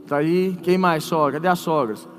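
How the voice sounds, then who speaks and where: A man's voice: on the high side, moderate pace, long reverb tail. A man pastor preaching a sermon, telling a story with jokes and questions to the congregation. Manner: lively, joking, talks to the congregation. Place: church.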